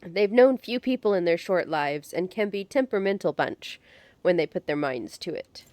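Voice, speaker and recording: A woman streaming a video game, hoarse and nasal from blocked sinuses, chatting to viewers and reading in-game notes aloud. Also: lowish voice, animated, moderate pace, a little mellow, dry recording. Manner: chatty, self-deprecating asides to viewers.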